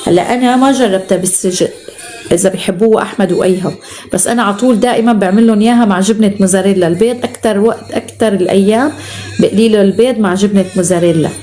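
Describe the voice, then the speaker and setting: A Syrian-accented woman hosts a live stream, reading viewer comments aloud in quick, breezy chatter. She talks fast and calls everyone by sweet pet names. Her voice sits at an ordinary middle pitch. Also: mellow, soft background music. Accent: Syrian Arabic. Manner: affectionate, showers viewers with endearments.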